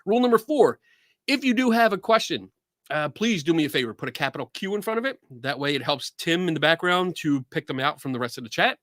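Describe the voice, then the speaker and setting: An excitable man with a Philadelphia accent chats casually as host of a live show. His voice sits on the high side and swings widely in pitch. It has a bright, forceful ring. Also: quick pace, no room sound, clean studio sound. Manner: excitable, laughs often, cheers. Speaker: podcast host. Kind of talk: casual livestream chat.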